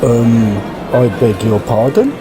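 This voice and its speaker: A man's voice: mid-range voice, expressive, slow pace, over music. A man playing a puzzled but obliging school lunch seller in a video game, hesitant and bemused. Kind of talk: scripted video game dialogue.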